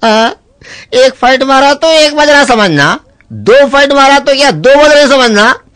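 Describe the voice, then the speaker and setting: A man plays the complaining partner in a comedy duo's dialogue. His voice sits very high. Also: animated, a little slow, fairly bright tone, dry recording. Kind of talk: comic dialogue.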